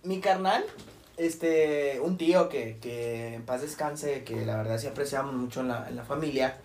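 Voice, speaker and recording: A man's voice: measured pace, a little mellow, a little hiss or hum. Young mexican man, rambling storyteller, acts out voices, echoey room. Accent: Mexican Spanish. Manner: rambling, acts out quoted voices with high pitch jumps. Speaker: podcast host telling a scary story. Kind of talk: casual storytelling among friends.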